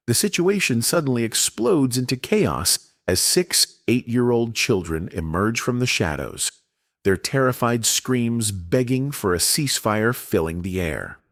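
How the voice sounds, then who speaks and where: Lively dramatic male narrator, dry close sound. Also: lowish voice, dry recording. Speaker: comic recap narrator. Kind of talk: scripted narration.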